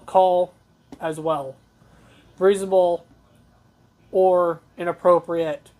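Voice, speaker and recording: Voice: medium pitch, darkish tone. A talk show host giving blunt, conversational news commentary, reading reports aloud with opinionated asides.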